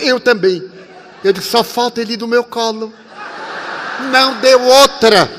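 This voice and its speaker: An older man in his eighties preaches in a high, bright voice that rings with a long hall reverb. He tells his story animatedly, dropping to a hush and rising again as he acts out each exchange. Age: 80s. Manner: animated, swings from loud to soft, acts out dialogue. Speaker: spiritist speaker. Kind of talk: sermon with storytelling.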